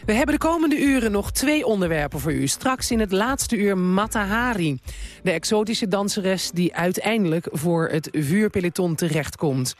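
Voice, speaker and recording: A woman's voice: mid-range voice, lively intonation, moderate pace. A woman hosting a radio programme, presenting with light, wry asides. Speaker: radio host.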